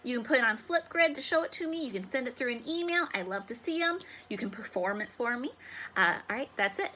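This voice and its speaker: A young woman teaching a remote lesson to children, upbeat and encouraging, slowing down to sound out syllables. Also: a little high, expressive, pushed and bright. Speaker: elementary school teacher.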